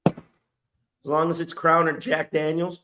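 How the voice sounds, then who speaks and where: A man's voice: on the high side, monotone, a little slow, background noise. A man hosting a podcast, delivering a profane comedic roast full of crude mocking insults. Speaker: podcast host.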